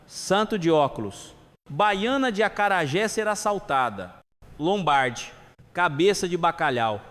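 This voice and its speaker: A man reading jokes and sayings aloud in an even delivery. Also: high voice. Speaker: joke teller. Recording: long hall reverb.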